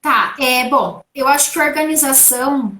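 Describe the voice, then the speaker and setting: A woman from Brazil with a high voice, speaking as an interview guest over a video call. She talks in a relaxed, anecdotal way, and the room around her sounds echoey. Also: moderate pace. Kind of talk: conversational interview answers. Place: at home.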